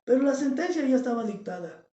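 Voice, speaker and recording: A male pastor, preaching a sermon with passion, shouting for emphasis and repeating his phrases. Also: very high-pitched, animated, fast, echoey room, highs cut off.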